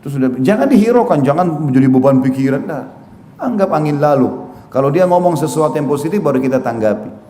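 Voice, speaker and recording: A man giving a religious lecture on a microphone, moving from recited scripture into joking, lively stories with quoted voices. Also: on the high side, quick pace. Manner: humorous, animated storytelling with quoted voices. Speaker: preacher. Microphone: handheld or stand mic. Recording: echoey hall with faint noise.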